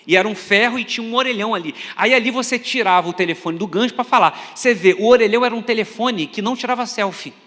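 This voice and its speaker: A high-voiced, quick-talking Brazilian pastor in middle age, preaching with animated humor. His voice rings through a large church hall with long reverb, picked up by a handheld mic. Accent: Brazilian Portuguese. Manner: animated, joking, acts out voices in anecdotes. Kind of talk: humorous sermon storytelling.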